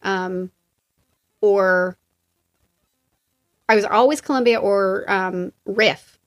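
A middle-aged woman chatting casually as a guest, telling animated stories and acting out what other people said. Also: mid-range voice, drawn-out words, faint music behind. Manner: animated storyteller, acts out quoted dialogue. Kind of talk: casual conversation.

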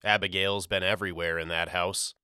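A worried widowed father with a terse, mumbling way of speaking, read by a male narrator in an audiobook. His voice sits a little low and comes across bright and clean. The recording is dry and close. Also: flat delivery, brisk, smooth, dry recording. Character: frightened, stern widowed father of three boys. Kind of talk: audiobook character voice.

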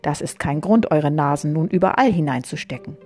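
A woman voicing a proper, stern mother who scolds her children in a raised, brisk voice. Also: fairly low pitch, sing-song, mellow, faint music behind. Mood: reproving.

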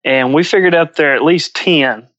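A man chatting casually as an interview guest, speaking in halting phrases with frequent pauses. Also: on the high side, fairly bright tone, no room sound, dull audio. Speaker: podcast guest, agricultural pilot.

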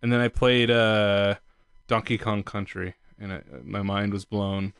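A man's voice: lowish voice, steady tone, unhurried, a bit bright, clear, resonant tone. A young man co-hosting a podcast, telling a rambling childhood story in casual chat, laughing often and swearing freely. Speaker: podcast co-host.

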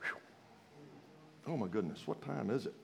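A man from rural Louisiana with a Southern US accent, preaching a sermon in a folksy, emphatic way, putting questions to his listeners and moving between raised exclamations and hushed phrases. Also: lowish voice, lively intonation, normal speed, vocal fry, husky. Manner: folksy, rhetorical questions to the congregation.

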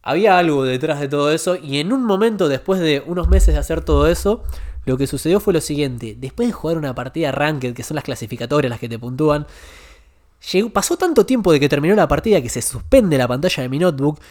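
A man's voice: a little high, expressive, fast, darkish tone. A young man with a Rioplatense Spanish accent, a podcast guest telling a personal story in a confessional way, repeating words for emphasis.

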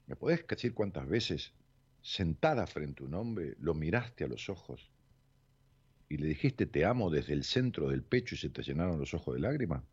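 A man's voice: extremely low pitch, very animated, normal speed, a little mellow, breathy edge. A man with an Argentine accent counseling someone one-on-one, talking bluntly and emphatically, swearing and pressing with repeated questions. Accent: Argentine Spanish. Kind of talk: confrontational one-on-one counseling session. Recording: dull lo-fi sound.

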